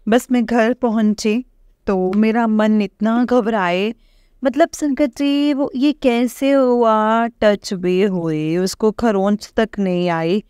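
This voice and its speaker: एक महिला संगत को अपनी आपबीती सुनाती है, बेचैनी और श्रद्धा के साथ, बार-बार रुककर और "संगत जी" कहकर।. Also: female voice, on the high side, darkish tone, clear, resonant tone, no room sound, studio quality. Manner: earnest and anxious, often addressing listeners as "sangat ji"; halting, with many fillers and restarts. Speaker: devotee sharing a testimony. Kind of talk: personal testimony told to a congregation.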